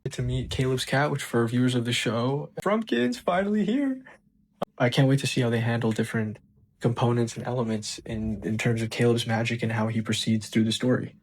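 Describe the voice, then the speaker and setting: A man hosting his own channel, giving an excited, gushing breakdown of a new show's first episode with frequent ums and restarts. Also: medium pitch, brisk, poor audio. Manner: enthusiastic, gushing fan. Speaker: show reviewer and channel host.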